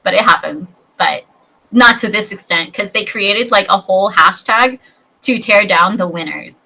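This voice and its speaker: A woman's voice: moderate pace, gravelly, sharp tone, poor audio. A woman in her thirties chatting casually as a podcast guest, bubbly and talkative. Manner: bubbly, chatty, acts out high-pitched voices in her stories.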